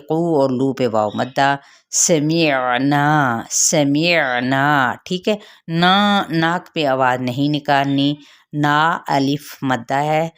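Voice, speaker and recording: A woman with a Pakistani Urdu accent teaches Quran recitation rules, drawing out each word slowly before explaining it quickly. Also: very deep voice, smooth. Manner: slow, drawn-out sounding of each word, then quick explanations.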